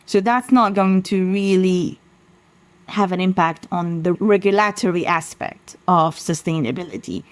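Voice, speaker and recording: A passionate woman from Sudan speaks as a podcast guest, her voice sitting fairly low. She presses her points with emphasis. The sound is dry and close, with no room around it. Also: a little slow, dry recording. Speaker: guest, sustainability consultancy founder. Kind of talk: podcast interview answers.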